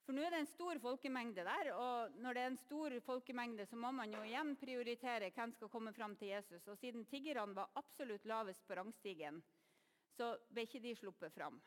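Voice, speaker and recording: A woman preacher giving a sermon, retelling the story in a lively way and acting out the voices. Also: a little high, in a large hall.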